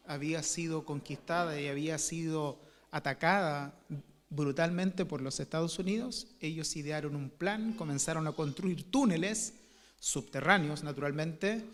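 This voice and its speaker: A man preaches from the pulpit, unhurried and a little high-pitched, stopping often on fillers and starting sentences over. His voice rings with the long reverb of a church hall. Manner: storytelling with many fillers and restarts. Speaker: pastor. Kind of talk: sermon.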